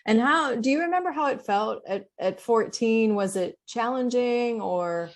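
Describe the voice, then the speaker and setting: A woman's voice: fairly high pitch, a little slow. Woman hosting a podcast interview. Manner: conversational, asks open questions. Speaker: podcast host. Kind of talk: conversational interview.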